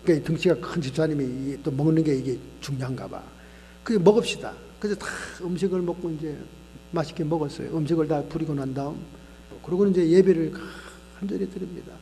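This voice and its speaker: A man's voice: a little high, fast, long reverb tail, slight background noise. A man preaching as a pastor, telling a story and acting out the voices of the people in it. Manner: animated storyteller who acts out the people in his story. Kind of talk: sermon storytelling. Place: church sanctuary.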